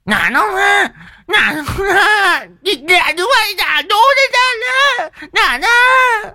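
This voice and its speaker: A man's voice: very high-pitched, very animated, takes it slowly, pushed and bright, voice pushed up, heavily acted. Man doing a shrieking crazed village woman. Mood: shrieking furious. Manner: screeching, wailing threats.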